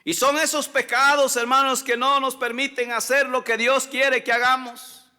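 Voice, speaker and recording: High bright-voiced pastor preaching, big echoey church hall. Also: male voice, little pitch movement, normal speed, clean tone. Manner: preaching, repeats "hermanos" often, swings between loud and hushed. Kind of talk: sermon. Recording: long church hall reverb.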